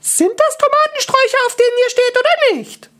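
A man's voice: very high voice, animated, a little fast, a bit bright, voice pushed up. A man voicing a bubbly cartoonish young girl avatar in a game story, squealing and bossy. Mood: shrill indignant.

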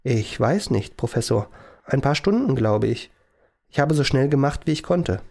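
A man voicing a timid male lab assistant who talks haltingly, full of fillers. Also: medium pitch, animated, vocal fry, a little mellow. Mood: explaining.

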